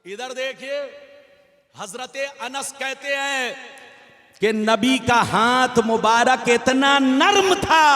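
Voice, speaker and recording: A man preaches with a very high, bright and ringing voice, drawing out his words slowly and urging the crowd to call back to him. His voice booms through a large echoing hall with a long reverb. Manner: impassioned, calls the crowd to answer aloud. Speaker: Islamic preacher. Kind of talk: fiery devotional sermon to a crowd. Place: large gathering at a religious event. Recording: echoey hall sound, public address.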